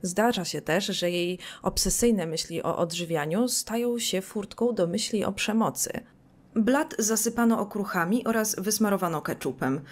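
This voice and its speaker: A woman's voice: mid-range voice, normal speed. A woman narrating a scripted video essay, reading book passages aloud with dry, sarcastic commentary.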